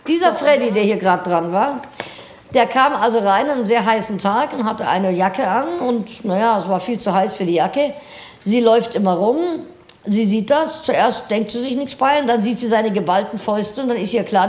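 A woman in her sixties lecturing at a seminar, telling a story with lively, animated asides to her listeners. Her voice sits a bit high and echoes around a roomy hall. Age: 60s. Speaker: seminar speaker.

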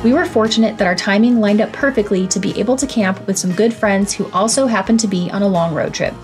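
A woman narrating a travel vlog in a calm, informative, scripted voice-over. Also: medium pitch, quick pace, soft background music. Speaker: travel vlogger narrating a road trip.

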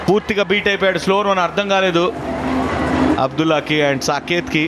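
A man's voice: high voice, quick pace. An Indian man giving live play-by-play cricket commentary. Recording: very noisy outdoor broadcast ambience.

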